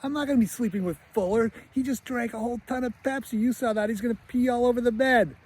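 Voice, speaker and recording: A man voicing a young boy who whines and pleads in a high childish tone. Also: quick pace, darkish tone, slight background noise. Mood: whiny. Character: young boy, whiny and defiant.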